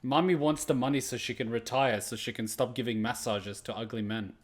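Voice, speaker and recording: A man giving casual reaction commentary over a video game, excitable and rambling, with a dramatic streak. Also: mid-range voice, a little fast, slight background noise. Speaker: gaming reactor.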